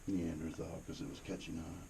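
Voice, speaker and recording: Recorded inside a cave during a tour, with noisy ambience all around, a man tells loose, profane stories in a relaxed way. His low voice is creaky, fairly quick and barely moves in pitch.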